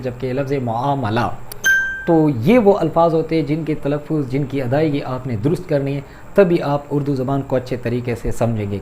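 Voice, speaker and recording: Teaching an Urdu class, a man from Pakistan politely walks listeners through vocabulary, repeating words so their pronunciation comes out right. He has a fairly high pitch and darkish tone, with some faint noise behind him.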